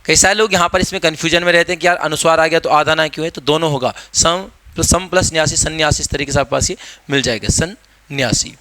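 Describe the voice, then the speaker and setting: A man teaching an exam-prep grammar lesson, explaining answers step by step with lively emphasis. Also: on the high side, fast talker, no echo. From India.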